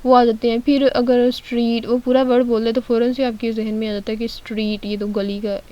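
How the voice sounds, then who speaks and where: A woman tutor giving an exam-prep lecture. She explains step by step, often checks in with the listener, and reads out definitions slowly. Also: a little high, flat delivery, highs cut off. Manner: explains step by step with frequent "ठीक है" check-ins. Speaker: study tutor.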